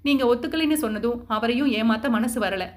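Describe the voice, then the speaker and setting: Woman doing a crying sorry young wife, audio novel, high voice. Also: a little fast, close to an everyday voice. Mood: tearful. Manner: tearful, pleading. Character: remorseful young woman crying to her father.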